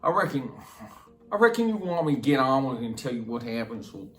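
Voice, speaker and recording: In this dramatic film monologue, an actor plays a simple, slow rural Southern man who confesses matter-of-factly in a halting, plain-spoken, repetitive drawl. His natural voice sits at medium pitch and is very animated. The recording has a roomy echo with music underneath.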